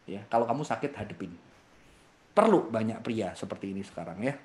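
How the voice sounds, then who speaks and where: Animated man speaker, laughing often. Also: lowish voice, brisk. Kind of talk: seminar talk answering youth questions.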